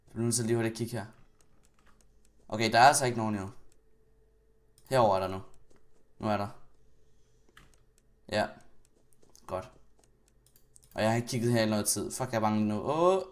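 A man's voice: lowish voice, fairly even intonation, long pauses. A man giving Let's Play commentary on a horror game, jumpy, yelping when startled and talking straight to his viewers. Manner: jumpy, yelps in fright, talks straight to viewers. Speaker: gamer.

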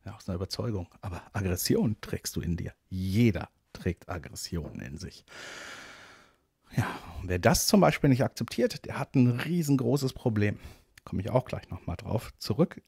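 A man's voice: fairly low pitch, expressive, moderate pace, creaky, mellow, breathy edge, dry recording, studio quality. A middle-aged man hosting a casual coaching podcast, talking bluntly and directly to the listener.

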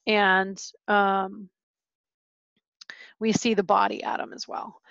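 A woman's voice: mid-range voice, level tone, slow pace, creaky, a bit bright, no room sound, muffled recording. A woman teaching a chemistry lesson over a screen recording from home, explaining in a casual, chatty way. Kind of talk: screen-recorded lecture walkthrough. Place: home, with pet dogs.

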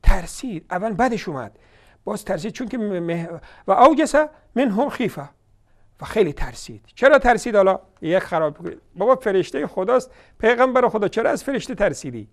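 High-voiced man scolding in a heated lecture. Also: lively intonation. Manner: heated, scolding and mocking, loud bursts then quiet asides; recites scripture slowly and deliberately. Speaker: religious lecturer on a TV show. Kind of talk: polemical religious lecture.

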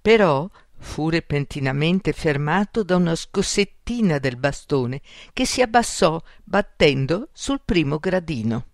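A woman's voice: low voice, expressive, a little slow, no room sound. A woman narrating a children's fairy tale audiobook in a careful storytelling manner, recorded close in a studio.

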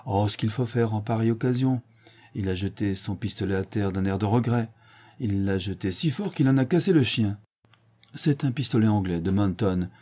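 A man voicing a sober, matter-of-fact older colonel in a storybook, recounting calmly. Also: lowish voice, breathy edge. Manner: calm, detached recounting.

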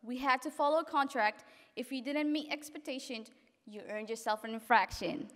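A young woman from Africa reading a graduation speech at a podium in an event hall, earnest and halting at times. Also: sits high, fairly bright tone. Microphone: podium microphone. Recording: reverberant hall.

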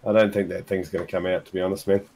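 A man's voice: low voice, little pitch movement, racing, a little mellow. A man from New Zealand with a New Zealand accent, chatting casually and joking on a hunting game stream. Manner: joking, laughs often. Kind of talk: casual gaming chat.

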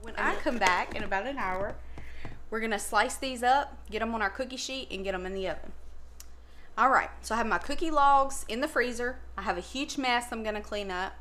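A middle-aged woman hosts a cooking demonstration in her home kitchen, chatting casually and folksily to a camera a step or two away with informal, slangy phrasing. Her voice is on the high side, a little fast, bright and forceful. The home recording is clearly noisy, with clicks.

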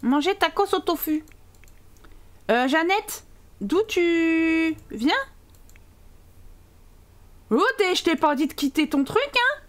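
A woman's voice: extremely high pitch, very animated, moderate pace, a bit bright. A woman streamer giving live gameplay commentary, chatting with viewers in a teasing, sarcastic way.

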